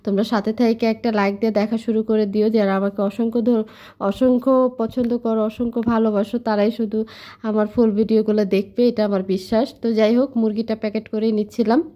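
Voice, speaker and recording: A woman walks viewers through her kitchen in a relaxed home vlog. She talks to her audience directly, in a chatty, familiar way. Her voice sits slightly high. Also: fast, muffled recording. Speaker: vlogger. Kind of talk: casual home vlog narration.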